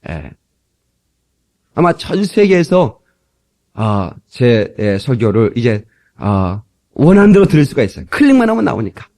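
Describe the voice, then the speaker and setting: A man's voice: medium pitch, big pitch swings, measured pace, pauses often, darkish tone. A male pastor preaching a chatty, joking sermon, recorded in church on an old cassette tape. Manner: chatty, joking preacher who breaks into dialect recitations.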